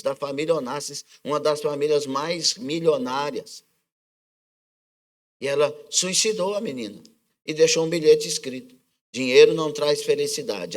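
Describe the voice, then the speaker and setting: Questioning Brazilian pastor, higher voice. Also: male voice, moderate pace. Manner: asks the congregation questions and calls for responses. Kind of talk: sermon. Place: church service.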